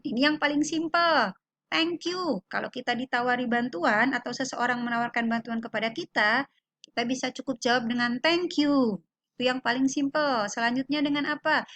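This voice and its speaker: A woman English teacher giving a classroom lesson, reading English example phrases slowly and then translating them. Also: a little high, fairly bright tone, no room sound.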